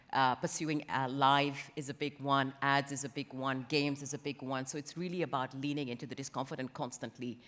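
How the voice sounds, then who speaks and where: On stage in a big, echoing conference hall, a woman from Kenya answers panel questions in a conversational way as a company talent executive. Her voice rumbles low yet carries a fairly bright tone.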